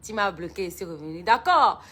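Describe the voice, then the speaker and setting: A woman's voice: on the low side, lively intonation, normal speed, a bit bright, breathy edge. A woman telling a story to her followers in a dramatic, emphatic way. She mixes English phrases into her talk.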